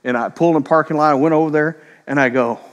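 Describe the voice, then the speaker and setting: A middle-aged man preaching a sermon, telling stories in a conversational way and slipping into quick voiced quotes. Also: fairly high pitch, steady tone, long reverb tail, lo-fi sound. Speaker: pastor.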